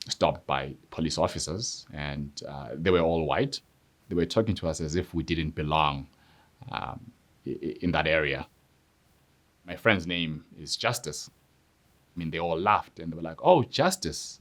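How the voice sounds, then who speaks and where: A middle-aged man from Zimbabwe, a police constable, telling his story in a measured, reflective way with frequent fillers. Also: deep voice. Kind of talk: personal testimony interview. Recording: soft music underneath.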